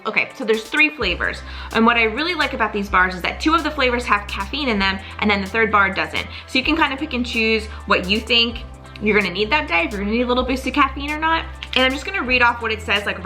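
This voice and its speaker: Bright-voiced upbeat woman vlogger. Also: fairly high pitch. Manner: chatty, upbeat, frequent "like" fillers. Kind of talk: casual product review vlog.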